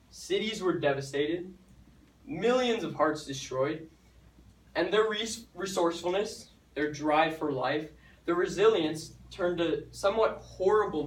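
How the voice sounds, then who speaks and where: A man's voice: fairly high pitch, a bit bright. A young man giving a student talk on stage, chatty and joking, who often trips over his words. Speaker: student speaker. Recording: echoey hall, mic far off.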